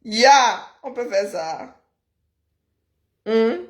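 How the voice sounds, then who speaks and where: A woman's voice: fairly high pitch, animated, extremely slow. A woman in a heated online argument, mocking and taunting her opponent. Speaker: live stream participant.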